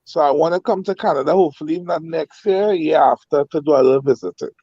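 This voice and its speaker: Trinidadian man, raspy and dry, calling in by phone for a casual guest chat. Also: on the high side, fast talker, mellow, dry recording. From Trinidad and Tobago. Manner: friendly, laughs often, loose grammar. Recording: dull lo-fi phone-call sound.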